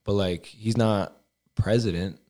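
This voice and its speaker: A young man with a very deep voice talks in a casual, rambling way. He leans on fillers and curses easily, like he is hanging out with a friend on a podcast. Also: steady tone, a little slow, dark tone. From Albania. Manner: rambling, filler-heavy, swearing. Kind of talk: casual chat.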